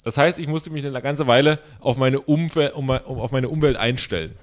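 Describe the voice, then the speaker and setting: A young German man telling a long, animated everyday story in casual chat, acting out his own inner voice and mocking himself. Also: mid-range voice, normal speed.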